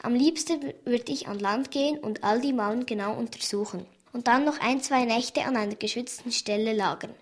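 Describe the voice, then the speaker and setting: A woman reading the lines of an excited young boy adventurer in a children's storybook. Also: on the high side, normal speed, few pauses, natural voice. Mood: eager. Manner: eager, exclaiming.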